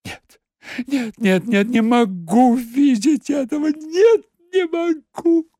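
A shrieking young secretary, on the edge of tears, as a man puts her on in an audiobook. The voice leaps high and swings wildly in pitch. The recording is close and dry. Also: expressive, drawn-out words, a little mellow, no room sound, exaggerated voice. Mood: hysterical. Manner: shrieking, sobbing, breathless. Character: hysterical young woman secretary, shrill and tearful.

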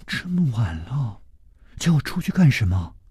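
A male storyteller voicing a shy, flustered young village woman in a breathy, half-whispered, coy tone. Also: mid-range voice, big pitch swings, moderate pace, darkish tone, dry recording.

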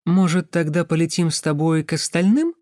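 A man voicing a cautious young woman who talks gently and coaxingly but turns firm when she has to. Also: on the high side, a little fast, no echo, clean studio sound, pitched above the performer's own voice, close to an everyday voice. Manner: soft, coaxing, sometimes sharp commands.

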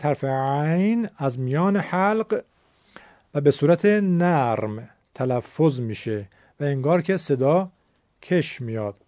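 A man's voice: on the high side, mellow, dry recording. Man teaching Quran recitation, muffled. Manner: slow, emphatic, demonstrates pronunciation. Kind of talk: radio-style recorded lesson. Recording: muffled lo-fi dry recording.

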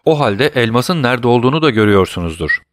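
A man's voice: medium pitch, lively intonation, quick pace, no echo, clean studio sound, lightly acted. A man voicing a scheming, hot-tempered villainous count in an audiobook, sneering and defiant. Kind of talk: audiobook character voice.

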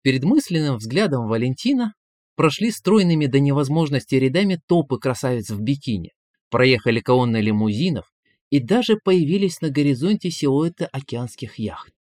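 Brief: male audiobook narrator, lively pitch, wry tone, dry close mic. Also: brisk, no echo. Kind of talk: audiobook storytelling.

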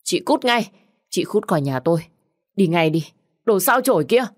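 A woman's voice: animated, moderate pace. A woman voicing a spiteful, hysterical young sister-in-law who screams and sobs her accusations. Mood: screaming, accusing. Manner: shrill screaming, sobbing accusations.

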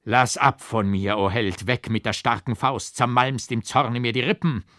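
A man's voice: medium pitch, steady tone, normal speed, fairly bright tone, dry recording, studio quality, natural voice. A man voicing a frightened innkeeper who pleads breathlessly in verse. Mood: pleading.

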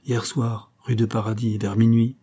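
A man's voice: lowish voice, little pitch movement, moderate pace, dark tone, breathy edge. A male narrator voicing a shrewd police detective who speaks in a composed, probing way. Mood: pressing.

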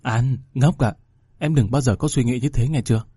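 A man voicing a soft-spoken, tearful young woman in a read-aloud story. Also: medium pitch, moderate pace, breathy edge, no room sound, clean studio sound, natural voice. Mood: gentle.

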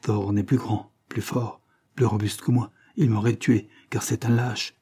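A man's voice: lowish voice, little pitch movement, measured pace, warm tone, breathy edge. A man reading an agitated young fugitive. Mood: agitated, insistent. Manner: urgent, agitated, insistent.

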